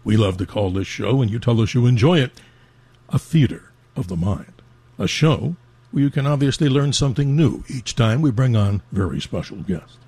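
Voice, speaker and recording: A male talk radio host, from the New York area, speaks into a close studio mic with no room sound. His voice is a touch husky and mid-pitched. He delivers in an effusive, promotional announcer style. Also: lively intonation, moderate pace, warm tone, no echo. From New York metro area. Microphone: studio microphone.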